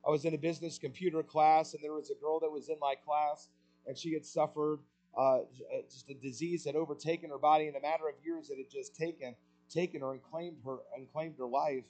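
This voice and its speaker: Impassioned preacher man, fairly high voice. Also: steady tone, brisk, low-quality recording. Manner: impassioned, rhetorical questions, swells louder on key points. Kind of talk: sermon.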